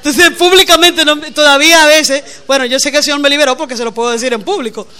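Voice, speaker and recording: A middle-aged woman preaches a conversational sermon in a high voice. Her tone is bright and clear. She is animated and often laughs as she tells her stories. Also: fast. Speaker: preacher, pastor's wife.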